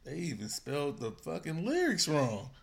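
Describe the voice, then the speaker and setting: A man hosting a casual song-guessing chat, joking and swearing freely while reading lyrics aloud in a flat speaking voice. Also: on the high side, moderate pace, vocal fry. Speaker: host presenting songs for a guessing game.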